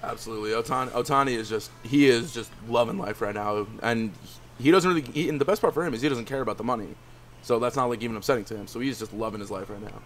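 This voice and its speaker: A man's voice: medium pitch, quick pace, fairly bright tone, slight background noise. A young man hosting a casual sports podcast, upbeat and steering the segments, often repeating words. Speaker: podcast host.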